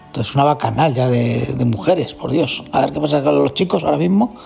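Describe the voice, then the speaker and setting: Guy from riffing on a reality show, gravelly voice, teasing, bit of music low in the back. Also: a little fast. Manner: jokey, teasing, often repeats himself. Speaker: co-host commenting on a reality show. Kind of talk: casual comedic commentary.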